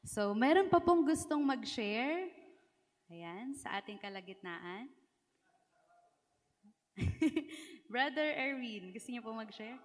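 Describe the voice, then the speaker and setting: Woman facilitator, slightly high voice, echoey hall. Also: lively intonation, slow, long pauses. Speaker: service facilitator. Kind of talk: leading a church sharing session.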